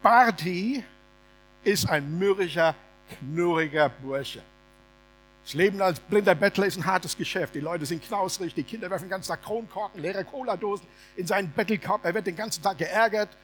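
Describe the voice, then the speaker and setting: A male preacher giving a sermon as a lively, humorous, colloquial story. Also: sits high, moderate pace, a little hiss or hum.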